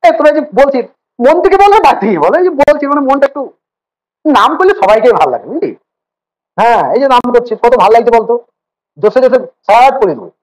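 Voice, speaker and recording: A man's voice: very high voice, big pitch swings, poor audio. A man teaching biology in a casual online class, joking and teasing his students as he explains. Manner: rapid, repetitive explaining with fillers.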